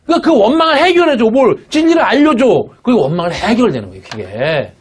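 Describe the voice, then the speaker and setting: A man's voice: very high voice, big pitch swings, fast talker. A man preaching a sermon as pastor, emphatic and blunt, often asking the congregation "예?" to check they follow. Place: church worship room.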